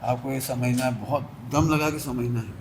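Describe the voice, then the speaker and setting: A man giving a sermon as a Jain preacher, speaking slowly and emphatically and repeating key phrases to drive them home. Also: mid-range voice, steady tone, background noise. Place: large hall. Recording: echoey hall, faint ambience.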